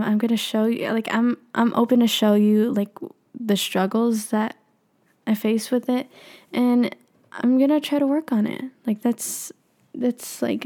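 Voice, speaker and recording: A woman's voice: fairly high pitch, dark tone. A young adult woman with freshly tightened braces on her teeth, talking casually and candidly as a solo podcast host. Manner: candid, self-reflective.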